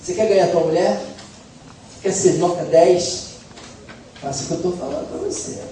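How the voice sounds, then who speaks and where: A middle-aged Brazilian man with a high voice and dark tone preaches a sermon in a church hall at a moderate pace. His storytelling is chatty and full of humor. The recording places him far from the mic in a very echoey hall, with faint background noise.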